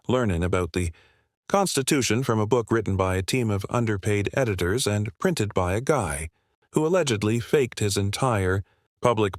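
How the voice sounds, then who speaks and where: A man with a low voice, dry and close to the mic, deliver a slangy comedic conspiracy rant. He talks with sarcastic, mock-serious punchlines. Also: no room sound. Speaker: comedic ranter. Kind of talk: scripted comedic monologue. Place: voice-over over gameplay.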